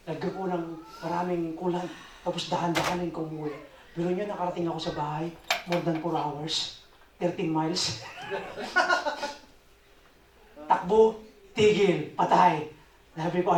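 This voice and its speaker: Church testimony, animated storytelling, echoey hall, distant microphone. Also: mid-range voice. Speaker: church member giving a testimony. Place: church hall in Las Vegas.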